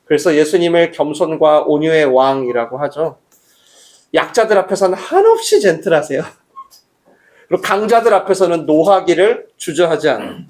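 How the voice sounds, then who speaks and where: A man's voice: on the high side, very animated, moderate pace, darkish tone. A man preaching a Sunday sermon as pastor, talking conversationally and asking the congregation questions. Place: church service.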